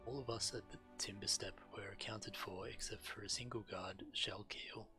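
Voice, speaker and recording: Clear music runs behind a man streaming as he narrates a game's quest text in a fairly low voice. His delivery is steady in tone and normal in pace.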